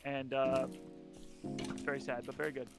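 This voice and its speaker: A man's voice: medium pitch, flat delivery, moderate pace, over music. A young man co-hosting a stream, rambling in casual chat with lots of fillers and restarts, his voice cracking now and then. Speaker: stream co-host.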